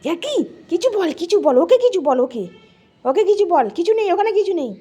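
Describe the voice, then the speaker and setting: High-voiced woman playfully scolding her dog. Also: big pitch swings, brisk, mellow. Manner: playful scolding, coaxing, repetitive. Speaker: pet owner. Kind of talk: casual talk to a pet dog. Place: at home.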